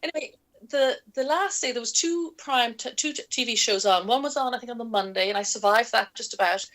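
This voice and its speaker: A woman from Ireland with an Irish accent talks quickly in a fairly high voice. She is a guest in a casual interview, spinning anecdotes with a lot of laughter. Her delivery stays animated and chatty throughout. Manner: animated, laughs often while telling stories.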